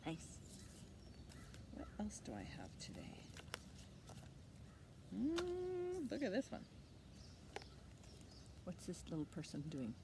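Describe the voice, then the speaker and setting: Leaving long pauses and speaking slowly in a mid-range voice, a woman hosts a children's library storytime, using a sing-song delivery, simple questions, and repeated key words for the young listeners. The clip is clear but has steady background noise.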